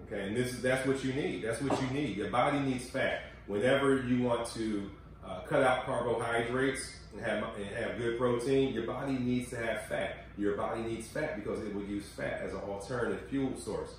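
The host of a casual home-kitchen cooking demo, a man in his forties, coaches viewers and offers health tips in a friendly, talkative way. He speaks at medium pitch and normal speed. A faraway camera mic records echoey sound with slight background noise.

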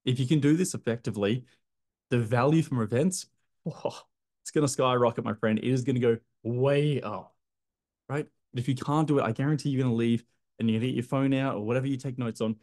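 Energetic man giving coaching advice. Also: medium pitch, a little fast. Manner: energetic and emphatic, gestures a lot, addresses viewer as "my friend". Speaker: clinic business coach, video host. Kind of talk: direct-to-camera advice talk. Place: bright indoor apartment room by large windows.

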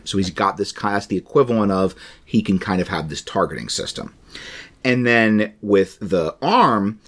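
A man co-hosting a podcast in casual chat, explaining things in a chatty way with many restarts. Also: lowish voice. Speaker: podcast co-host.

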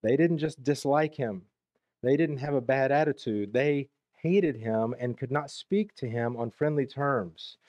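Male pastor, Southern US accent, warm mellow tone, dry close sound, expository sermon with casual asides. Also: medium pitch, unhurried, no echo, muffled recording. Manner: conversational, reads verses then adds plain asides. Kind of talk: expository sermon reading scripture with commentary. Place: church sanctuary.

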